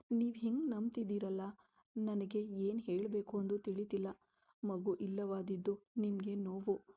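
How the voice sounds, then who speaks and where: A woman's voice: mid-range voice, warm tone, breathy edge. A woman reading as a pleading grieving wife. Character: grieving young wife pleading with her husband.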